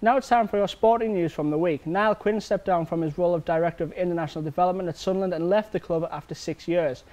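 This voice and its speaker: A man presenting sports news from a script in a steady read. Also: sits high, fast.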